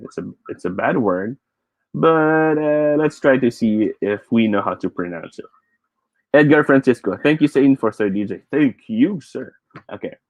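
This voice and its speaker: A man's voice: lowish voice, no echo, highs cut off. A man with a Filipino accent teaching an online speech class, chatty and encouraging, switching between English and Tagalog as he reads out viewer comments.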